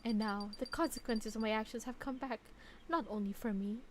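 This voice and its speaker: A woman voicing a gentle, sorrowful elderly grandmother, speaking in a soft, hushed, lowered voice. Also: fairly quick, a little hiss or hum, close to an everyday voice. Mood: remorseful.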